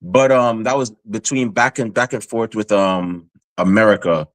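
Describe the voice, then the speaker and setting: A man from Guyana with a fairly low voice hosts a casual podcast interview at normal speed, with no echo in the recording. He sounds hyped during introductions and rambles with lots of fillers.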